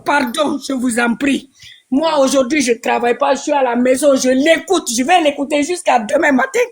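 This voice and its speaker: A woman's voice: high-pitched, normal speed. A breathless woman calling into a live stream, pleading and ranting in a fired-up, repetitive way. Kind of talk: impassioned live-stream rant.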